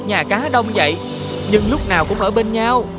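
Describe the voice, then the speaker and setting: A woman's voice: medium pitch, normal speed, over loud music, lightly acted. A woman voicing a bossy older prince brother in a cartoon, scolding.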